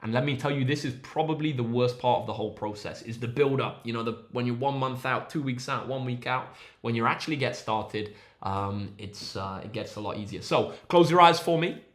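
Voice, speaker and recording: A man's voice: medium pitch, a little fast. A young man runs a casual maths livestream, his voice sitting in an ordinary middle range. He is upbeat and encouraging, rallying his viewers like a team and reading their names from the chat. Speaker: maths tutor hosting a livestream.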